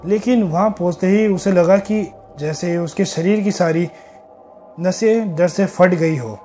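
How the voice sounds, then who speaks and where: A man narrating a horror story in a slow, suspenseful telling. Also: sits high, mellow, soft background music.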